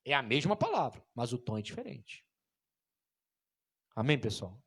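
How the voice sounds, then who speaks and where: A male pastor preaching a sermon in an animated way, acting out scenes and calling for amens from the congregation. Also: mid-range voice, normal speed, slightly rough.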